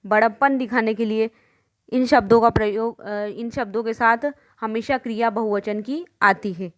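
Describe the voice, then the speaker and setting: A woman's voice: on the high side, fairly bright tone, smooth. A woman teacher giving a grammar lesson, saying example words in pairs and explaining each rule step by step. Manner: slow, repeating word pairs aloud.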